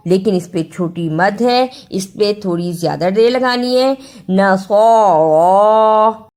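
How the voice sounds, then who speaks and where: A woman teaching Quran recitation, spelling out words slowly letter by letter and explaining how each sound is made. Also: medium pitch. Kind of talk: tajweed lesson, explaining pronunciation and reciting verses.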